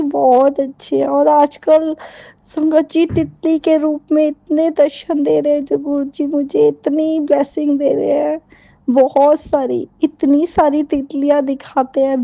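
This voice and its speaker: A middle-aged woman shares a devotional testimony, fervent and full of repeated thanks. Her voice is mellow and warm, and she talks slowly. The recording is dry and a little dull, with no room around her. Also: high-pitched, vocal fry, dry recording.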